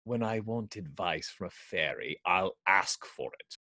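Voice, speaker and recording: Man playing haughty, slow-talking pirate villain Captain Hook. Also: sits low, animated, sharp tone, dry recording, studio quality, heavily acted. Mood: cold disdain. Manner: haughty, deliberate, theatrical villainy. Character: pompous, villainous pirate captain, vain and menacing. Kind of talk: dramatic script read-through.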